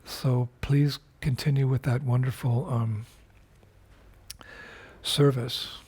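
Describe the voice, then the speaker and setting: An older man with a husky, slightly breathy, darkish voice speaks at a middle pitch in a level tone. As a spiritual teacher recording a video message, he talks slowly and reflectively, often pausing, using fillers, and restarting sentences.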